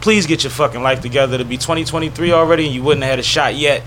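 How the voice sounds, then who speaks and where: Philly guy hosting a podcast, casual slangy talk, mid pitch, bit of faint noise. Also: rapid-fire, a bit bright. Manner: laid-back slangy talk with fillers. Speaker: podcast host. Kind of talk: casual interview chat.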